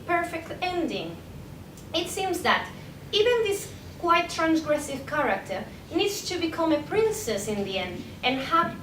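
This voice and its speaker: Reading from a prepared script at an academic conference, a young woman from Spain presents her PhD paper in a fairly bright tone. She goes carefully, sometimes stumbling and correcting herself, and the recording carries room echo, distant pickup and a low rumbling noise.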